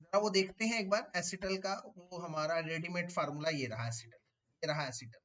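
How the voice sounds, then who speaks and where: A man's voice: on the high side, normal speed, fairly bright tone, highs cut off. A man teaching a chemistry class online, explaining step by step and repeating key terms, asking his students questions. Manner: addresses students as beta, asks them questions.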